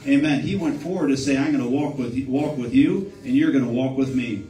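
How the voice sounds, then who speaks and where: Exhorting pastor in an echoey church. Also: male voice, mid-range voice, a little fast. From Buffalo, New York area, US. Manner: repeats amen, restarts phrases, exhorting. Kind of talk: sermon with altar call. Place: church sanctuary. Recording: echoey church room, distant mic, soft music.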